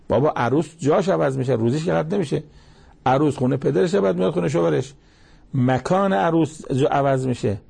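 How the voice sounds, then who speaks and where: A man preaching a sermon, reciting verses slowly and explaining them in everyday speech with anecdotes. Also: medium pitch, mellow. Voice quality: gravelly, husky voice. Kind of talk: Quranic commentary sermon.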